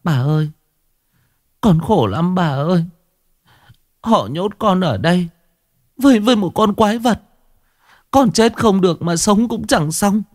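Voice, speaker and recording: A man's voice: sits high, lively intonation, a little slow, pauses often, darkish tone, no room sound, studio quality, voice pushed up. A man voicing a frightened young granddaughter who is sobbing. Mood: terrified. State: crying.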